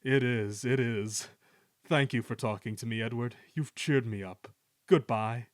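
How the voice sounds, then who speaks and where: A man's voice: mid-range voice, unhurried, dry recording, clean studio sound, natural voice. A man voicing an old, grateful male steam engine in a children's storybook, in a friendly manner.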